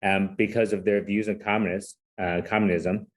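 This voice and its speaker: Born in Hong Kong and raised in San Francisco, this man is a corporate chief legal officer speaking as a guest in a casual interview. His lowish voice moves at a moderate pace, relaxed and self-deprecating, and he often caps his points with "right?".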